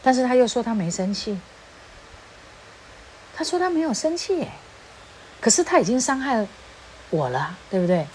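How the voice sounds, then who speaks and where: A woman's voice: on the high side, sing-song, normal speed, long pauses, a little mellow, a little hiss or hum. A woman with a Taiwanese accent giving an informal talk, slipping Hokkien phrases into her Mandarin. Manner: mixes Hokkien phrases into Mandarin, acts out quoted speech. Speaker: speaker on relationships. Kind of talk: informal lecture.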